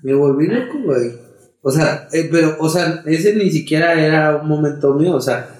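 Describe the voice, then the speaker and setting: Young mexican guy ranting through a story, lots of fillers, kinda high voice, echoey room. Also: moderate pace. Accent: Mexican Spanish. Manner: animated, slangy, many fillers and restarts. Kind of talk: casual storytelling chat. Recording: roomy echo.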